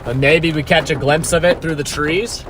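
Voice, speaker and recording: A man's voice: a little high, steady tone, moderate pace. A man giving casual, urgent live storm-chasing commentary, watchful and repeating himself as he speaks to his viewers. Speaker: storm chaser livestreamer. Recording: clear vehicle and ambient noise. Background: vehicle and outdoor ambient noise.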